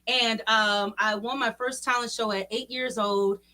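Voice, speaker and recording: A woman from Baton Rouge, an R&B singer chatting as a guest in a relaxed way with many fillers. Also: on the high side, measured pace. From Baton Rouge, Louisiana. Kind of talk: casual interview chat.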